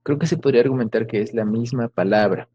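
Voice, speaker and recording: A man's voice: mid-range voice, fast, warm tone, breathy edge, lo-fi sound. A man giving an academic lecture over a video call, explaining patiently with many fillers and rhetorical questions. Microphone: video call microphone.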